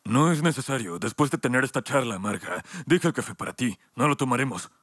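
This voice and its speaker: A man's voice: mid-range voice, lively intonation, fast, fairly bright tone, no room sound, studio quality. A voice actor in a film dub playing a middle-aged father who sternly accuses another man of shaming his daughter. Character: proud, aggrieved father. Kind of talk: dubbed film acting.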